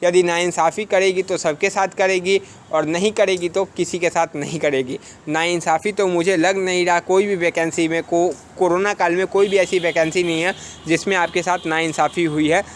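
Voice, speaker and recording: A man's voice: high voice, fairly even intonation, normal speed, slight background noise. A man who coaches students for defence exams, talking casually and earnestly to them in a vlog, urging them on and asking rhetorical questions. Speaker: defence exam coaching teacher.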